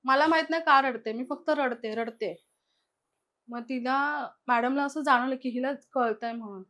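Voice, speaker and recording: Chatty woman telling a story, slightly high. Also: moderate pace, pushed and bright. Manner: chatty, retells events with lots of quoted dialogue. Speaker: guest sharing personal experiences. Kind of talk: casual spoken storytelling.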